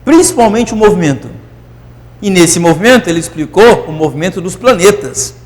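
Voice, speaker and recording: In a large lecture hall, a man teaches physics with a high, brisk voice. He sounds euphoric and animated, and he keeps checking that his students are following along.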